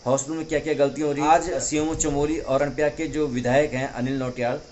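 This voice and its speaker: A male vlogger gives a brisk on-the-spot report. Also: on the high side, little pitch movement, a little mellow, a little hiss or hum.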